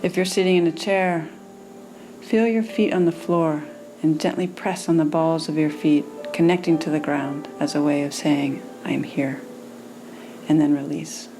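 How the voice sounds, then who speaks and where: A woman meditation teacher with a low voice guides a meditation soothingly, leaving gentle pauses between her phrases.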